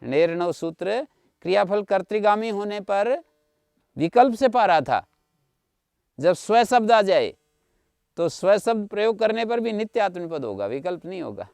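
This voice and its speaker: A man's voice: high-pitched, animated, normal speed, gravelly, darkish tone, no echo. A man teaching Sanskrit grammar in an online class, explaining rules patiently, repeating key points and checking that his listeners follow. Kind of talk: explanatory lecture.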